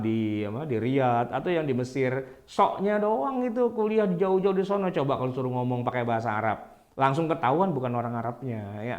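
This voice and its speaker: A man's voice: a little high, darkish tone, lo-fi sound. A man giving a casual, joking Islamic lecture over a video call, laughing often. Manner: jokey, laughing often, colloquial. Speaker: Islamic teacher.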